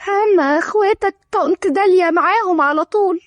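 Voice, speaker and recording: A woman's voice: very high voice, fairly quick, dry recording, pitched above the performer's own voice. Woman voicing a bitter rebellious Egyptian girl. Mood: hurt. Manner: bitter and pleading. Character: rebellious, hurt young woman.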